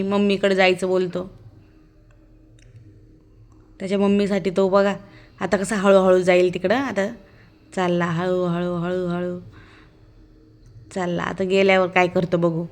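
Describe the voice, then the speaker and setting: A woman's voice: mid-range voice, flat delivery, brisk. A woman giving a chatty, amused running commentary as a casual vlog voice-over, narrating as the child's aunt.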